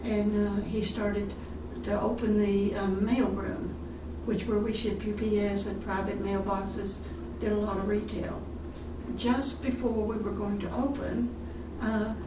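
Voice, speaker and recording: A woman's voice: medium pitch, level tone, unhurried. An older woman from Texas, a retirement community resident being interviewed about her life. She speaks unhurriedly, with many fillers and restarts. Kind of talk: recorded oral history interview. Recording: roomy, distant mic with background noise.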